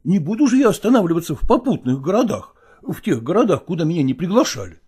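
A man's voice: high voice, very animated, quick pace, darkish tone, husky, exaggerated voice. A man voicing a weary middle-aged touring actor in an audiobook drama, coaxing and patronizing. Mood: persuading.

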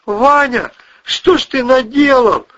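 Timid, bruised husband, high and whining, slow, played by a male narrator; lo-fi audiobook. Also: a bit bright, exaggerated voice. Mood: sobbing. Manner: bleating, drawn-out and helpless. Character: dazed bruised timid husband, bewildered and whimpering. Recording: muffled lo-fi recording.

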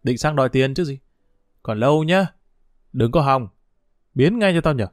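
A man voicing a sly, stubborn village dog thief who taunts and scorns in quick, rough speech. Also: medium pitch, lively intonation, no room sound, studio quality, close to an everyday voice. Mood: scornful, taunting.

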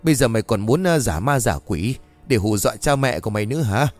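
A man voicing a hot-tempered old father who talks in a gruff, scolding way, in a told ghost story. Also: medium pitch, animated, quick pace, a little mellow, faint music behind, lightly acted. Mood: angry.

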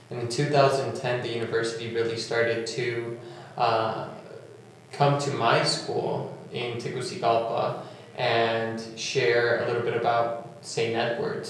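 A young man from Nicaragua and Honduras speaks earnestly in an oral history interview, his pace slow and his pitch staying flat. He leans on frequent fillers as he talks. The recording is heavily echoey, with a faint hum beneath it. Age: young adult. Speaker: university staff member and alumnus.

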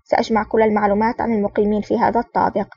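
A woman's voice: medium pitch, flat delivery, rapid-fire, dark tone, breathy edge, no echo. A woman reading an eager young female agent. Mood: earnest. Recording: dull, distant, dry recording.

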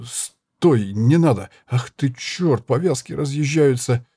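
A man reading the part of a gruff male mercenary, talking in urgent, clipped phrases. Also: mid-range voice, animated, slow pace, dark tone, no room sound, exaggerated voice.

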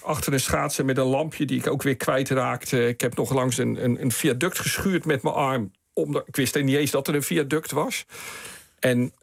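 Man, gravelly and husky, animated storyteller, radio studio guest. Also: mid-range voice, normal speed, dry recording. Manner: animated storyteller acting out quoted people. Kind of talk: spoken anecdote on night radio.

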